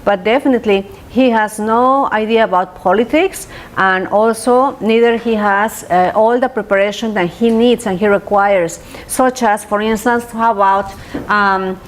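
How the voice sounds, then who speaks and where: A woman's voice: medium pitch, moderate pace, a little hiss or hum. Female co-host. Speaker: morning show co-host. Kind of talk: conversational news commentary.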